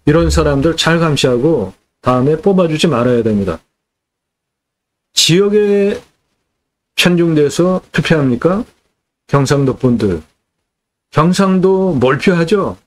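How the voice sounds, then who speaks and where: Middle-aged guy ranting about politics, indignant and scolding, kinda high-pitched. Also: darkish tone. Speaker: land sales channel host. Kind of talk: political rant monologue.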